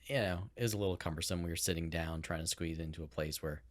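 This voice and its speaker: A deep-voiced man speaks fast as a podcast co-host, rambling his way through explanations in casual chat. He's recorded dry on his own boom-arm podcast mic in a house room with improvised soundproofing.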